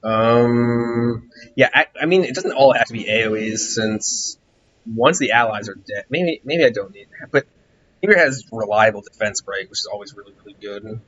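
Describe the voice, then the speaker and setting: A man streaming a game, rambling distractedly through casual commentary while he grows hoarse and loses his voice. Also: mid-range voice, moderate pace, a bit bright, muffled recording, a little hiss or hum. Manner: rambling, distracted, musing aloud.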